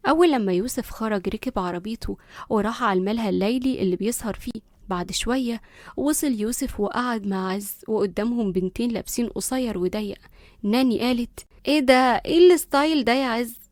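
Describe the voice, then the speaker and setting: A woman with an Egyptian accent narrating a comic family story briskly. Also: medium pitch, no echo, clean studio sound. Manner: brisk, lively reading.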